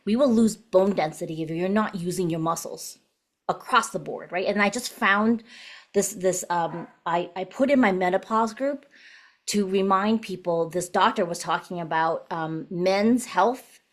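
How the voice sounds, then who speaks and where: A woman's voice: lowish voice, measured pace. A woman in her late fifties hosting a podcast, talking casually and animatedly, acting out quoted voices and speaking straight to her audience. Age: 50s. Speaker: podcast host.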